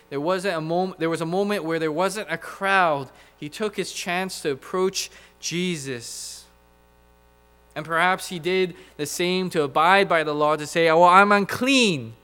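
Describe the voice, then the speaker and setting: A man preaching a sermon in an earnest, emphatic way, with dramatic pauses. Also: fairly high pitch, fairly even intonation, pushed and bright, clean tone. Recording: reverberant hall with mains hum.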